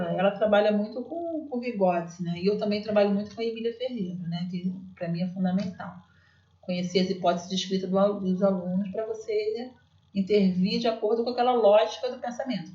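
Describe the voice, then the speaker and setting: A woman's voice: mid-range voice, mellow, reverberant, muffled recording. A woman teacher with a Brazilian Portuguese accent, explaining her classroom literacy work in a chatty way, full of fillers and restarts. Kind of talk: explaining classroom practice to viewers.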